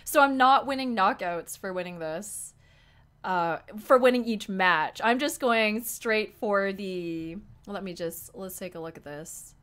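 A twenty-something woman talks to her stream chat at a measured pace in a mid-range voice while she plays online poker. She's giggly and excitable, her voice growing hoarse, and she's at a desk in a small room.

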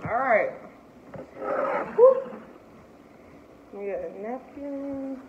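Slow-talking woman vlogger. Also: medium pitch, expressive. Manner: chatty, talks to viewers. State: teary from spicy food. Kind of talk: casual food challenge vlog. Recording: roomy, slightly dull, faint noise.

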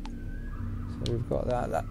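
A man's voice: mid-range voice, huge pitch swings, slow pace, gravelly, background noise. A man giving a loose, rambling gameplay walkthrough as he plays. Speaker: gaming channel host. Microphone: voice-over on gameplay capture. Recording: game music loud behind voice. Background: game music.

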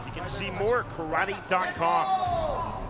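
A male sports commentator with a high-pitched voice. He delivers live fight play-by-play in short, clipped announcing phrases. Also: very animated, slow, over a noisy crowd.

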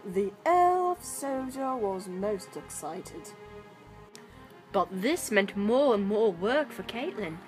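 A woman narrating a children's toy-train story, slow and even in an ordinary mid-range voice. Soft music runs faintly behind her. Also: medium pitch. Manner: plain, unhurried storytelling.

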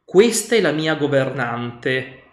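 A man's voice: medium pitch, lively intonation, slow. A man reading aloud as a fearful, fussy old village priest who scolds anxiously. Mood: obsequious. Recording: roomy echo.

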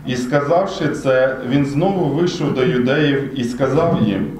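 A man narrating the Gospel Passion in a liturgical reading in church, in a steady reading cadence. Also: medium pitch, measured pace, a little hiss or hum. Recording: very echoey church room.

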